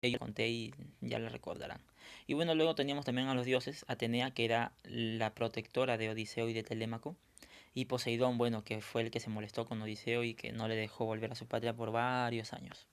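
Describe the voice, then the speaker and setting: A man's voice: mid-range voice, level tone, fairly quick, clean tone. A male teacher going over a review lesson, explaining step by step and often checking in with his students.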